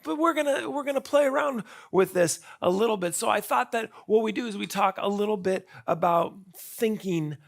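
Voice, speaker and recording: Gravelly man giving a talk. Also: sits high, moderate pace, hardly any pauses. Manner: conversational, asks rhetorical questions; frequent fillers and restarts. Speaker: conference speaker. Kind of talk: conference talk.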